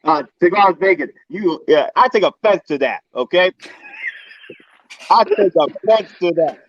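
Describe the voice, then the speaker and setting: A man on a remote call whose voice sounds muffled and boxy, as if he is talking from inside a box. His voice sits a little high, and the lo-fi line dulls it further. He keeps repeating himself to get through. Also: expressive, unhurried, a little hiss or hum. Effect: muffled, boxy sound over a bad internet call. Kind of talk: casual chat.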